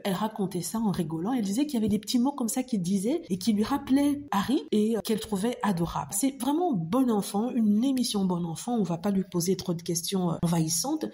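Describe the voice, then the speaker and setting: A woman's voice: mid-range voice, dark tone. A woman vlogger chatting casually to her viewers about celebrity news, with many small fillers and asides. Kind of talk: casual commentary to camera.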